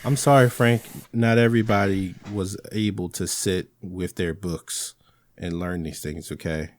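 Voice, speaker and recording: A man's voice: deep voice, fairly even intonation, a little slow, no echo. A man cohosting a podcast in casual chat, swearing often with exasperated asides. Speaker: podcast co-host.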